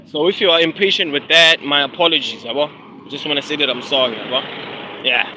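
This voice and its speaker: A man's voice: a little high, a little fast, background noise. A South African man, a rapper and vlogger, chatting casually and rambling on a phone live stream from a neighborhood street. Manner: rambling, slangy, apologetic about glitches.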